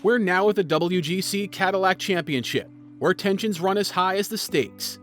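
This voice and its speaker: Casting: male narrator, notably high voice, dramatic scripted storytelling for video, music underneath. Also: moderate pace, fairly bright tone.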